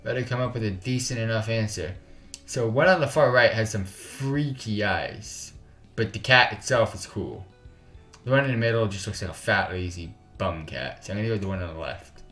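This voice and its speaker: Low-voiced casual gaming YouTuber. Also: male voice, expressive, moderate pace, a bit bright, reverberant, soft background music. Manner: casual, rambling, self-correcting. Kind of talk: let's play commentary.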